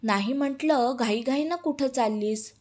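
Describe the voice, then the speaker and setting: A woman reading a children's poem, voicing Panti, a kind female friend who coaxes and soothes in a gentle storybook voice. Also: high voice, measured pace. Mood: teasing.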